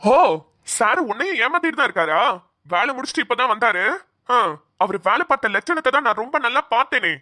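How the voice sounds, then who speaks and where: A woman voicing a furious, hot-tempered middle-aged father in a cartoon, shouting bitterly. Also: on the high side, animated, a little fast, no echo, studio quality. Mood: angry. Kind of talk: cartoon voice acting.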